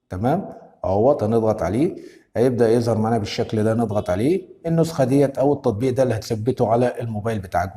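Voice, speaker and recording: Man, Egyptian Arabic accent, tech tutorial host, step-by-step instructions, long reverb tail, mellow tone. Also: medium pitch. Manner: brisk instructions, constantly checking in with the viewer.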